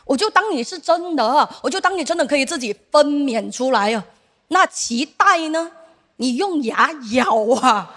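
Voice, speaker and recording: High-voiced woman doing stand-up. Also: a bit bright. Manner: storytelling, acts out quoted voices. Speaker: stand-up comedian. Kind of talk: stand-up comedy set. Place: theater stage with audience.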